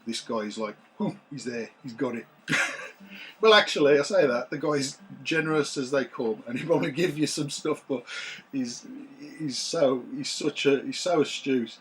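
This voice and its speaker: A retro games collector vlogger chats to camera in a small room full of retro computers, relaxed and rambling with many ums. His medium-pitched voice is a bit rough as he recovers from losing it, and he speaks at normal speed. He's recorded on the camera's built-in mic.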